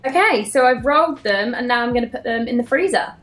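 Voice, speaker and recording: A woman vlogger chats to a handheld camera in her home kitchen, upbeat and chatty, with lively exclamations. Her voice is on the high side and brisk, and the sound is roomy.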